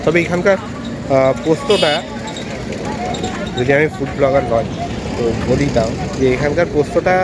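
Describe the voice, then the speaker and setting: Chatty Bengali man vlogging outdoors. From West Bengal, India. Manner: chatty, halting, lowers voice to stay quiet. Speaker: travel vlogger. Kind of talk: casual vlog narration. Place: outdoors by a roadside and in a forest. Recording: outdoor noise behind.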